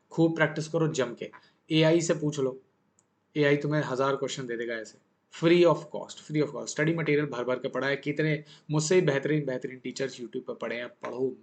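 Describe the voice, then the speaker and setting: A male maths teacher giving a casual, chatty lesson, joking and asking the class questions as he works. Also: fairly high pitch.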